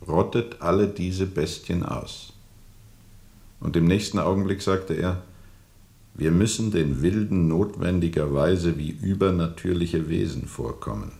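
An actor playing a haunted sea captain in a radio drama, brooding and intense, moving between whispers and forceful declamation. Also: male voice, sits low, a little slow, gravelly. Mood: grim, bitter. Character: haunted, feverishly intense sea captain recounting a jungle ordeal. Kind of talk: German radio drama monologue.

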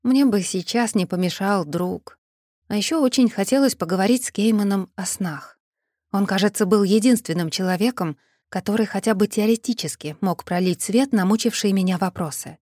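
Женщина-рассказчица размеренно и выразительно читает аудиокнигу от первого лица. Голос среднего тона, запись сухая и близкая, без эха. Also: female voice, medium pitch, dry recording, studio quality. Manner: measured, expressive reading. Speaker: audiobook narrator. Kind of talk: first-person audiobook narration.

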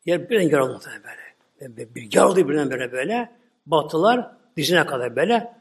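Male preacher, storytelling sermon, somewhat high voice, repetitive fillers. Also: fast talker. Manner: repetitive filler words, animated retelling.

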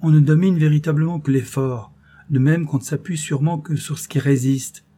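A male audiobook reader voicing an anxious, wealthy old banker who speaks gravely and protectively to his daughter. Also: a little high, fairly even intonation, a little fast, warm tone, pitched above the performer's own voice, natural voice. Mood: lecturing.

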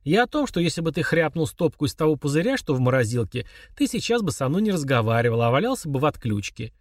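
A man voicing a calm, mocking young man who chats casually while confessing murder to his father. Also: a little high, fast talker, dry recording, studio quality. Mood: coolly sneering. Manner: chummy, sneering, confessional tone.

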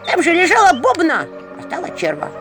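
Imps, male, small and cheeky played by a woman: high squeaky chatter, lively swoops. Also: fairly quick, music in the background, heavily acted. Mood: excited chatter.

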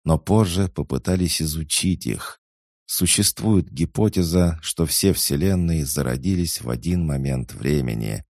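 Ancient alien sage, male, measured and unshakable; a man reads it with a gravelly bass in a dry, close sound. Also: dry recording, heavily acted. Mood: calm. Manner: calm, unhurried, measured. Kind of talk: audiobook character reading.

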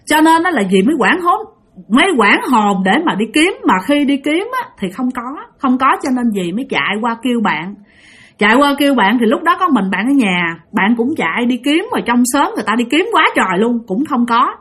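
A woman's voice: on the high side, very animated, brisk, a bit bright, husky. A woman telling a ghost story, chatty and emphatic, and talking straight to her listeners. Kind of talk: ghost story narration to an audience.

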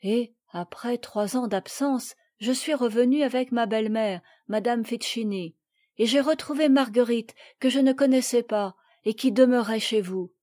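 A woman reading the lines of a gentle young girl in a storybook, quiet and plain. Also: fairly high pitch, moderate pace, close to an everyday voice.

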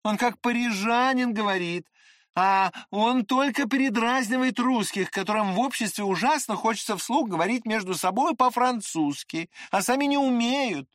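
A reader voicing an excitable, pretty teenage boy who chatters eagerly in an audiobook. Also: medium pitch, moderate pace, no echo, studio quality, pitched above the performer's own voice, lightly acted. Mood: chattering.

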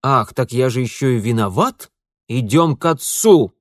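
A man's voice: medium pitch, expressive, moderate pace, no echo, studio quality, close to an everyday voice. A man voicing an arrogant, irritated young cavalry lieutenant who talks scornfully.

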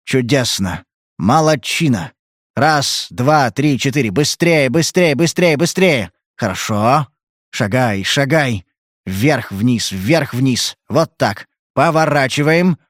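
A man's voice: mid-range voice, animated, takes it slowly, no echo, clean studio sound. A man voicing a tough detective who barks short, clipped orders in an audiobook. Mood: urgent coaxing. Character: tough male detective, commanding and blunt. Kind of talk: audiobook character reading.

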